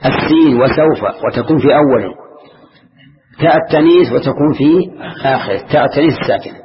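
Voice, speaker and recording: Patient older sheikh teaching grammar, lo-fi. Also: male voice, medium pitch, fast, crowd noise. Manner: patient, questioning, repeats key words. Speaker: Islamic scholar teaching grammar. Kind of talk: classroom lesson with questions to students. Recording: dull lo-fi lecture recording.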